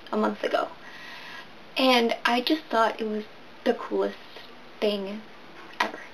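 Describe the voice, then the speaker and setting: A young woman in her twenties chats to camera about her reading life, rambling and quick in bursts. Her voice sits a little high with a gravelly fry, and a faint hiss lies under the recording. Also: poor audio. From Venezuela and San Diego, California. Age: 20s. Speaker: booktuber. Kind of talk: casual chat to camera.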